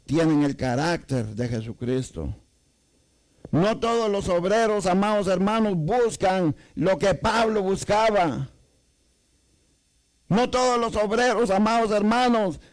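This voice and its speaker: High-voiced, unhurried male preacher. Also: low-quality recording. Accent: Salvadoran Spanish. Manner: rhetorical questions to the congregation, repeats "amados hermanos". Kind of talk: sermon.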